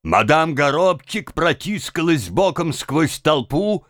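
A man's voice: on the high side, very animated, slow, fairly bright tone, no room sound. A man narrating a story as an audiobook, with dramatic, rising and falling emphasis, on a close microphone.

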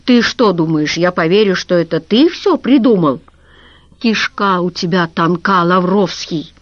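Lady doing a cold sarcastic boss guy, slow, dry audiobook sound. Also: lowish voice, no echo, close to an everyday voice. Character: bitter, contemptuous middle-aged businessman. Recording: dull lo-fi recording.

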